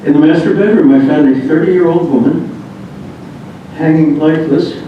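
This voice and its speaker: A man reads from a written first-person memoir, sometimes halting as he goes. The audio is muffled and very echoey, picked up by a distant mic with rumbling noise.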